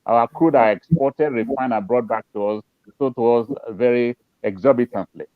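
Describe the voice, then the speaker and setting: Male panelist, earnest and emphatic, medium pitch, dry telephone-quality audio. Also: moderate pace, dry recording. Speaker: panelist, film industry practitioner. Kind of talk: earnest opinion in panel discussion. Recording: thin phone-like line, dry.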